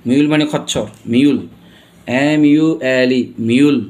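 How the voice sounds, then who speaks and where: A man's voice: mid-range voice, steady tone, measured pace, a little mellow. A man with a Bangladeshi accent teaching a pronunciation lesson. He spells words out letter by letter and keeps asking his students questions. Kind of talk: classroom lesson.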